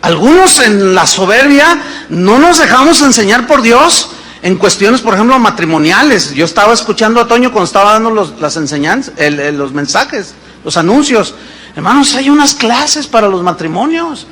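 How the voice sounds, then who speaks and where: A man's voice: sits high, lively intonation, moderate pace, sharp tone. A man, preaching a sermon as pastor, emphatic, with rhetorical questions and acted-out dialogues. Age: 50s.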